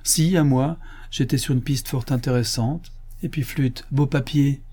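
A dogged police inspector, as a man reads him aloud, brusque and insistent, pitched well above the reader's own voice and pushed a little louder. Mellow timbre under it, an audiobook character voice. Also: fairly even intonation, measured pace, slightly rough. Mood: needling.

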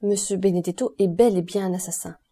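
A woman reading the part of a grieving male royal prosecutor, calm and formal, in an audiobook. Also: mid-range voice, a little fast, slightly rough. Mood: grave calm.

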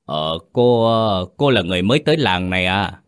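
A burly village pig butcher, played by a male narrator in a spoken ghost story. He talks in a very deep voice and stammers shyly, halting over each phrase. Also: lively intonation, smooth. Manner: stammering, full of hesitations.

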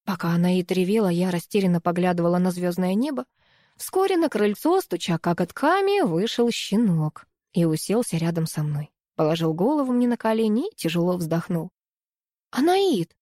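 A woman narrating a first-person story in a gentle, expressive reading style. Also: lowish voice, fairly quick, no echo, studio quality. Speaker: audiobook narrator.

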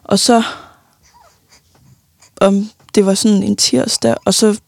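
A young woman giving a halting, personal account of loss in an interview, often pausing and restarting, sometimes tearful. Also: medium pitch, flat delivery, vocal fry, darkish tone, no echo. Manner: halting, many fillers and restarts, tearful at times.

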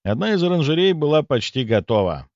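A man narrating a fantasy audiobook in the first person, expressive and storytelling. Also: fairly high pitch, a little fast, dry recording, dull audio.

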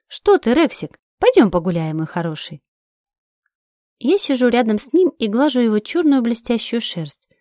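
Woman, mid-pitched, emotional first-person audiobook narration, dry close sound. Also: mellow, no echo. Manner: emotional, urgent storytelling.

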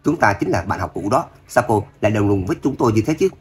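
A man's voice: expressive, fast, a little hiss or hum, close to an everyday voice. A man voicing a spiteful rich young woman who mocks and sneers in an audiobook. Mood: mocking. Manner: sneering, shrill when angry.

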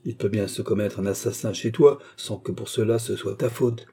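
A man voicing a brash young male rascal in an audiobook, cool-headed and insolent, bursting into loud cries. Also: lowish voice, moderate pace, gravelly, slightly rough. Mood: bold.

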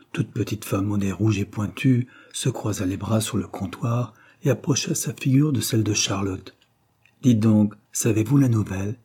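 Low-voiced man narrating a novel. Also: darkish tone, husky. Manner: measured storytelling. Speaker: audiobook reader. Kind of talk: scripted narration.

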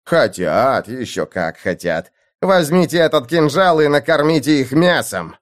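A man voicing a brash, cruel young lord in an audiobook, shouting, bullying and gleeful. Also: medium pitch, very animated, a little slow. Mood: gleeful, menacing. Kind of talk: audiobook character voice.

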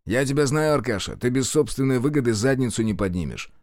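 A man's voice: medium pitch, lively intonation, fast talker, darkish tone, dry recording, studio quality, natural voice. A man voicing a blunt, stubborn male partisan commander in an audiobook. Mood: stern. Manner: blunt, gruff.

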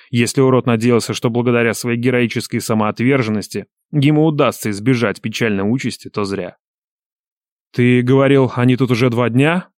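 Grim, measured male audiobook narrator, close and dry. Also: mid-range voice, no echo. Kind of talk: scripted first-person narration.

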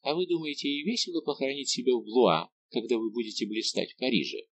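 A man's voice: medium pitch, expressive, quick pace, a little hiss or hum, voice pushed up, close to an everyday voice. A man reading a prim, reproachful noble mother in an audiobook. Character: older noble mother, sharp and grumbling.

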